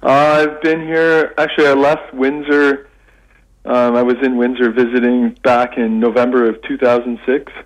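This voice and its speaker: A Canadian man, middle-aged, talking as a phoned-in radio guest, halting with many restarts and fillers. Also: medium pitch, flat delivery, muffled recording. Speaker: radio guest, English lecturer.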